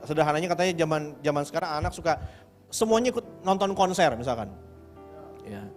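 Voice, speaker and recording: A man preaching a sermon as pastor, lively, acting out the voices of people he quotes and mixing English words into his talk. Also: on the high side, fast, soft background music. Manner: animated, acts out quoted voices. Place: church hall. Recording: church hall with long reverb.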